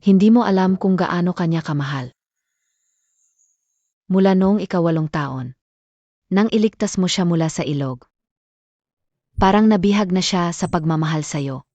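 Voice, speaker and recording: A cold, defiant heiress in a dubbed drama, speaking in a low, mellow voice. The delivery is accusing and firm, and the recording is close and dry. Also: female voice, normal speed, long pauses, dry recording, muffled recording. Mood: reproachful. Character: cold, defiant young woman heading a company. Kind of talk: dubbed short drama acting.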